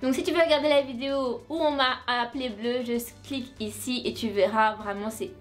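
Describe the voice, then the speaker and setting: A woman's voice: on the high side, steady tone, brisk, soft background music. A young woman from France telling her story to camera in a casual vlog, chatty and full of restarts and asides. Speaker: vlogger.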